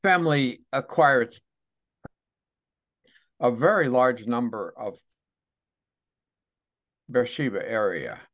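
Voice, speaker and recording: A man's voice: medium pitch, expressive, slow, long pauses, a bit bright. A man conducting an oral history interview, asking questions in a friendly, casual way.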